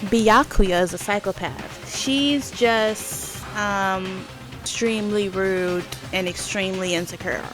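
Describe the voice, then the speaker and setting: A woman's voice: mid-range voice, slow, fairly bright tone, soft background music. A woman giving casual let's-play commentary as she plays a video game. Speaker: gamer playing and commenting.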